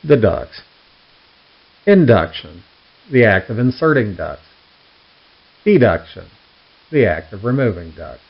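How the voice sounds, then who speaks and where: A man's voice: on the low side, lively intonation, moderate pace, creaky, few pauses, breathy edge. A man reading out puns and telling dad jokes, setting each one up and then giving the punchline. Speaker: host of a joke newsletter read aloud. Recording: dull, lo-fi sound.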